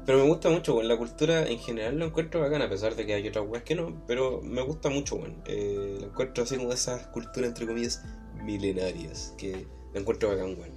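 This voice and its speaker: A man with a Chilean accent chats casually in an easygoing, even-tempered, monotone voice full of slang. Faint guitar music plays underneath. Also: medium pitch, fairly quick, hardly any pauses. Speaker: co-host. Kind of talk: casual podcast chat.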